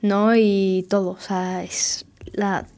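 A woman's voice: medium pitch, little pitch movement, slow pace, darkish tone, a little hiss or hum. A woman chats casually as a radio co-host. She gushes about what she loves and keeps reaching for the right words, letting sentences trail off. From Mexico. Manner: enthusiastic, gushing, trails off searching for words. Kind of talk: casual chat, giving recommendations.

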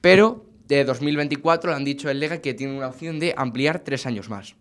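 A man's voice: medium pitch, a little fast, crowd noise. A man with an accent from Spain, presenting football news in a casual, jokey chat with friends. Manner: animated, jokey news delivery.

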